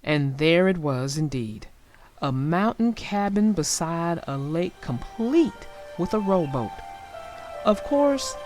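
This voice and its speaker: Over background music, a woman with a mid-range voice narrates a children's storybook. She reads aloud in an expressive, deliberate style.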